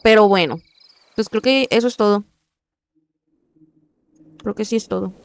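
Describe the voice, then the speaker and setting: A woman's voice: mid-range voice, measured pace, gravelly, dry recording. A woman giving casual gameplay commentary, chatty and often murmuring to herself. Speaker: gaming video creator.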